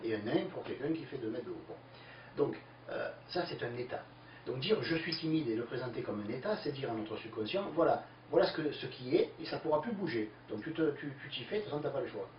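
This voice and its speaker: A man answering listener questions in a lively, emphatic explanatory talk full of fillers. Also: medium pitch, quick pace. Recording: distant, echoey, dull lo-fi with faint hiss.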